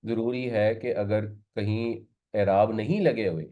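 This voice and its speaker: A man's voice: lowish voice, steady tone. A man teaching a lesson on Arabic grammar, explaining step by step and slipping English words into his talk. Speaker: Quran teacher. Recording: slightly muffled lo-fi recording.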